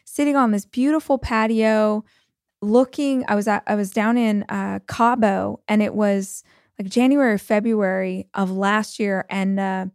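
A woman's voice: mid-range voice, darkish tone, no echo, studio quality. A woman in her forties, a podcast host, telling a personal story in a chatty, casual way full of 'like'. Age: 40s. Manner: chatty, fills speech with 'like'.

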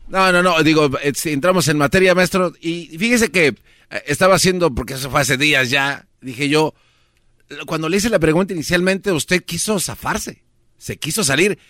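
A man's voice: a little high, brisk, a bit bright, no echo, clean studio sound. A man, a radio co-host arguing back and interrupting in casual banter. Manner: argumentative, interrupting.

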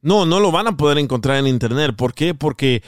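Resonant, animated man telling stories. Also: fairly high pitch, brisk, no room sound, clean studio sound. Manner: animated, repeats words for emphasis. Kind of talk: casual storytelling chat.

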